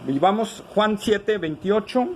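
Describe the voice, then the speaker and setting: A man's voice: sits high, expressive, slow, a little mellow, slight background noise, low-quality recording. A man preaching a sermon as pastor. He asks the congregation rhetorical questions, tagging many lines with "¿verdad?".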